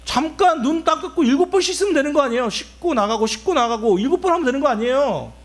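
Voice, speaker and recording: A man's voice: extremely high pitch, expressive, fast talker. A male pastor preaching a sermon, asking the congregation rhetorical questions as he explains the text.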